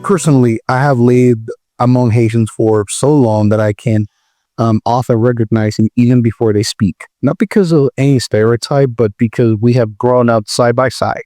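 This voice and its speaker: A man from the Republic, hosting his own channel and explaining in a measured way with frequent pauses. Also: mid-range voice, steady tone, dark tone, dry recording, studio quality, soft background music. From Dominican Republic. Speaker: video host. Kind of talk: explanatory commentary.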